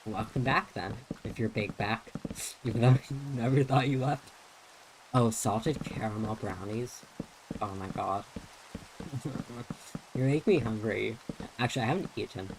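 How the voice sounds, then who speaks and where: This time the rambling young streamer sounds lowish, keeping a measured pace but pausing often, his voice still neutral leaning feminine with a light lilt. Chatting casually during gameplay, he keeps restarting and filling gaps with filler words, over poor audio with a little hiss or hum.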